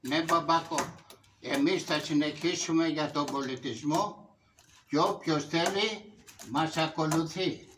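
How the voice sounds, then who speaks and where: Cheeky boy sidekick played by a man, loud and eager, picked up from across a noisy room. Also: on the high side, close to an everyday voice. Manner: shouting, teasing, calls his father "μπαμπάκο". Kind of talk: live shadow puppet theatre. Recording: echoey, distant, noisy live show.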